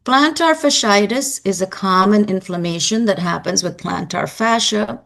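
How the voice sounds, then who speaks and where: A woman giving a live anatomy lecture, brisk and emphatic, quizzing her students as she goes. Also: medium pitch, gravelly, fairly bright tone.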